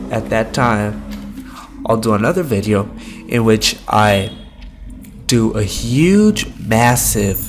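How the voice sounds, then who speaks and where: A man with a lowish voice thinks aloud at a slow, unhurried pace as he plays, rambling and swearing freely. His audio is a low-quality stream through a webcam mic at his home computer. A faint hiss sits under it. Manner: rambling and profane, thinking aloud while playing. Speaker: Minecraft let's-play streamer. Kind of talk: casual gameplay commentary. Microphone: webcam microphone.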